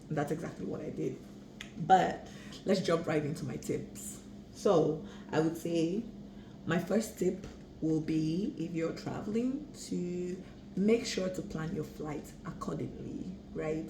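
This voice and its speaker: Young woman from Cameroon, travel vlogger, chatty and rambling, gravelly tone, echoey noisy room. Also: low-pitched. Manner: chatty, rambling, self-correcting. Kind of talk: casual travel tips vlog. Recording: echoey room with background noise.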